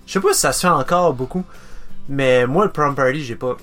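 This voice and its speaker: A man's voice: mid-range voice, brisk, fairly bright tone, faint music behind. A man, hosting a casual podcast chat, rambling with many restarts and English words mixed in. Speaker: podcast host.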